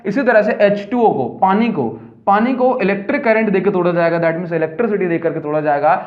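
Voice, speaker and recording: A man's voice: high voice, fairly quick. A man teaching a school science lesson, chatty and coaxing students with repeated questions. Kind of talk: classroom lesson. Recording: echoey room, dull lo-fi sound.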